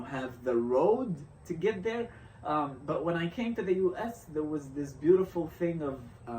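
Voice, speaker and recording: A young man from Syria talking through a reflective motivational vlog, halting and restarting often as he thinks aloud. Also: medium pitch, darkish tone, distant mic, slight background noise. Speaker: vlogger. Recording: roomy echo, off-mic, faint ambience.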